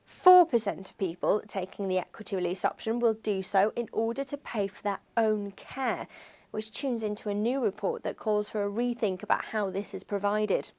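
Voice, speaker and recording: A woman reading a scripted news-style voice-over for a finance firm in an even, measured way. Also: mid-range voice. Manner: even, measured read of figures.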